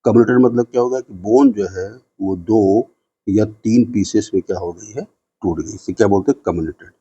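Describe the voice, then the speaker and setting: A male nursing teacher giving a lecture, explaining in Hindi, reading English definitions slowly, and asking and answering his own questions. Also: on the low side, mellow, slightly rough, highs cut off. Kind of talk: classroom lecture.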